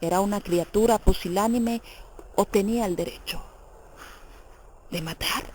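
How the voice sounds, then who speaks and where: A woman's voice: mid-range voice, moderate pace, a little mellow, slight background noise, lightly acted. A woman reading the part of a tormented young male murderer in an audiobook, in a brooding, intense, questioning manner. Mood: anguished.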